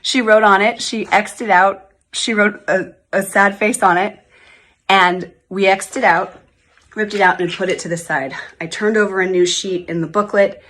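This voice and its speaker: A middle-aged woman telling a personal story in a lively, animated way during a talk. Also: mid-range voice, normal speed. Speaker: storytelling coach.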